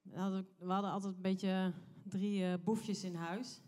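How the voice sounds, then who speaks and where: A woman's voice: mid-range voice, flat delivery, normal speed, warm tone, a little hiss or hum. Chatty middle-aged woman encouraging at church. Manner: chatty, direct address. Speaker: church member responding to a testimony. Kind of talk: warm personal encouragement.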